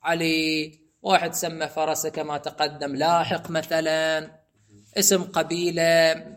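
A man teaching a grammar lesson, explaining step by step and repeating examples slowly. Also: on the high side, completely flat delivery, fairly bright tone.

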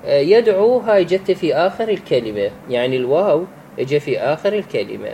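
A man teaching Quran recitation rules, patient, repeating words and examples with halting restarts. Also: fairly high pitch, big pitch swings, warm tone, a little hiss or hum, low-quality recording. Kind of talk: explaining tajweed rules.

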